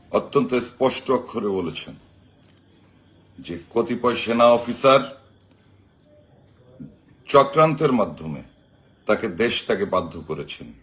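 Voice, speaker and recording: A man's voice: fairly low pitch, fairly bright tone. A Bangladeshi man giving a rousing political speech. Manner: emphatic, declamatory, slogan-chanting delivery in short measured phrases. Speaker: political party activist addressing supporters. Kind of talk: rousing political speech, live broadcast address.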